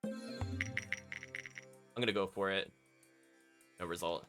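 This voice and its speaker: With a deep voice and drawn-out words, a man streams a video game, casually commenting live, musing aloud and talking to viewers as game music plays.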